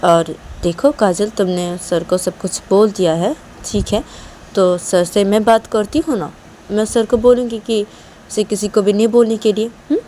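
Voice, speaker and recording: Calm young woman gently coaxing, as a narrator puts her on. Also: mid-range voice, measured pace, slight background noise, pitched above the performer's own voice, close to an everyday voice. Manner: soothing, coaxing.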